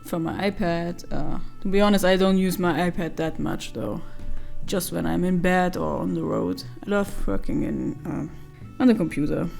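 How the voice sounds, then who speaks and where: A young woman with a hoarse, gravelly voice after karaoke, chatting casually as an artist vlogger over her speed painting. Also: fairly low pitch. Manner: chatty, with fillers and soft laughs. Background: faint music.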